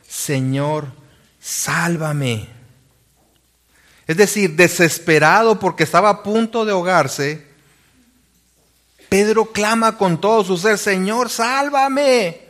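A man's voice: on the high side, fairly bright tone. Man preaching with rhetorical questions. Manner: reads scripture aloud. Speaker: pastor. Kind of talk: sermon.

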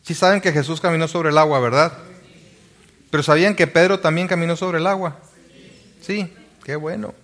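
A man's voice: fairly high pitch, fairly even intonation, normal speed, pauses often, fairly bright tone. Man preaching with rhetorical questions. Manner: reads scripture aloud. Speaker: pastor. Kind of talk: sermon.

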